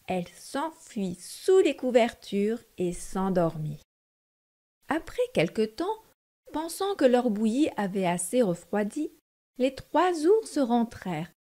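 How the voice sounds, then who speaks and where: A woman narrates a children's storybook at a slow, careful pace. Her voice sits fairly high and she takes her time over each sentence. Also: dark tone.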